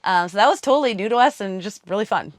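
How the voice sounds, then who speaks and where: A woman's voice: medium pitch, lively intonation, fast talker, no echo. A young adult woman co-hosting a travel vlog, chatting casually with lots of fillers about a camping trip. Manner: chatty, upbeat, many fillers. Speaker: vlog co-host. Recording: voice with loud background music.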